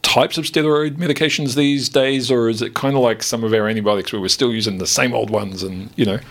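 Bright, curious male science host. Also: medium pitch, steady tone, brisk. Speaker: radio science show host. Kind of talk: live radio interview chat. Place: radio studio.

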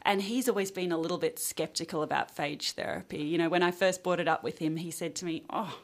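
A woman, a filmmaker guest on a radio interview, telling her story in a lively way. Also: lowish voice, fairly quick.

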